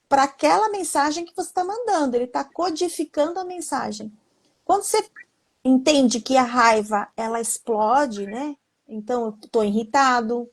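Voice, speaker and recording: A woman's voice: sits high, a little mellow. A woman speaking as a guest in a casual live conversation, explaining with frequent restarts and acted-out little quotes.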